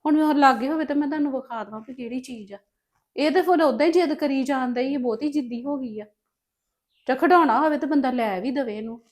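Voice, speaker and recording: A woman's voice: high voice, fast, natural voice. A woman playing a strict mother who scolds her daughter and insists she get ready. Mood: arguing. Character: strict young mother, firm with stubborn daughter. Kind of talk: family drama acting.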